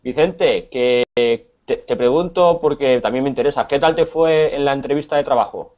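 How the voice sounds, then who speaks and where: Man, accent from Spain, Spanish teacher, patient, hesitant, muffled video call sound. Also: mid-range voice. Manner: patient, explains slowly, many hesitations. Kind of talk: online class conversation.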